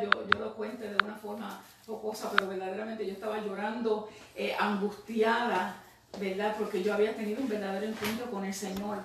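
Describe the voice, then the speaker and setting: A woman giving a spoken religious testimony, fervently breaking into praise and often adding "right?". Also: mid-range voice. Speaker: church member giving testimony. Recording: very echoey, distant mic, faint noise.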